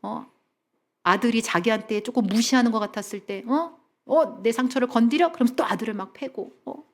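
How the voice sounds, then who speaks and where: Animated woman counselor giving a church talk. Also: fairly high pitch, brisk. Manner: animated, has the audience repeat after her; drops to soft whispers for emphasis. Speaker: family counselor, guest speaker.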